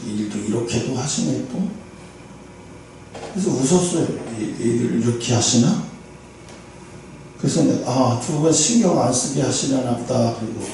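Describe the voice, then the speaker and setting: A male pastor giving a sermon, telling a personal story in a lively way and acting out quoted lines. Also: a little high, slight background noise. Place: church sanctuary. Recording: roomy hall from a distance, faint ambience.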